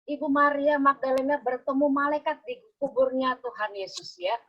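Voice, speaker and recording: A woman's voice: high voice, normal speed, muffled recording. A woman Sunday school teacher telling a story to children on a video call, coaxing them with questions.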